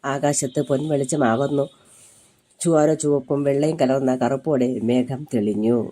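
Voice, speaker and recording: A man narrating a serialized story in a steady, measured reading voice. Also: mid-range voice.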